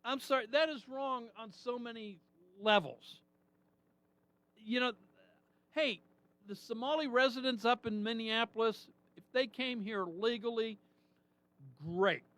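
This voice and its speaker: A talk radio host holds forth in a high, unhurried voice, leaning hard on his points and firing off rhetorical questions. The man sounds close and dry, with no room around him. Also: a bit bright, dry recording. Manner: indignant, emphatic commentary with rhetorical questions. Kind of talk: opinionated talk radio monologue.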